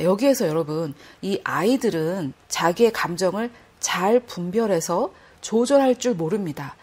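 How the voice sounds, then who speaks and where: A woman's voice: lowish voice, a little mellow, breathy edge. A woman giving sermon-style Bible teaching, earnest and explanatory, speaking straight to her listeners and acting out quoted dialogue.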